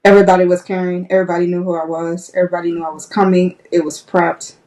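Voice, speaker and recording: A woman's voice: lowish voice, level tone, fast, darkish tone, recorded from a distance. A woman, a nurse guest on a podcast, telling a personal story candidly and acting out past conversations. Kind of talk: personal story told in an interview.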